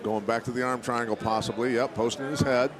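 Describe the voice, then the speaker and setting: A man's voice: mid-range voice, steady tone, brisk. Male fight analyst over a roaring crowd. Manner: coach-like, explains technique. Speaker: color commentator analysing technique. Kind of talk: live MMA commentary. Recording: very loud arena crowd behind.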